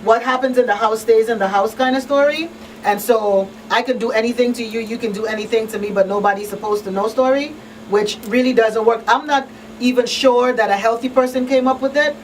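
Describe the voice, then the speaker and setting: This crisis counselor and talk show host has a slightly high, steady voice and a brisk delivery as she hosts a live call-in program. Emphatic yet conversational, she keeps checking listeners are with her by saying "you know what I mean." The recording uses a distant mic with faint background noise.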